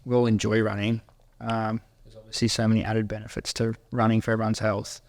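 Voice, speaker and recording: A man co-hosting a podcast, chatting in a relaxed, casual way. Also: fairly low pitch, fairly quick. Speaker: podcast co-host. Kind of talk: casual chat.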